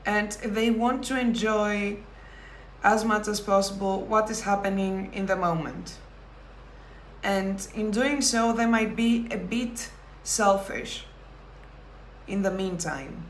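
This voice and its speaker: A woman giving a pick-a-card tarot reading, talking thoughtfully with pauses and self-corrections. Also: mid-range voice, reverberant, a little hiss or hum. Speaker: tarot reader.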